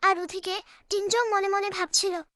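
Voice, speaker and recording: A woman narrating a scripted drama recap with a steady storytelling delivery. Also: very high voice, normal speed, no room sound, clean studio sound.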